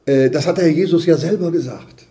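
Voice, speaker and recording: A man preaching, his voice sitting a little high yet sounding dark and mellow. He talks to the congregation conversationally, tagging points with quick "ja?" asides, and he swells his voice for emphasis before letting it sink low. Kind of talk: sermon.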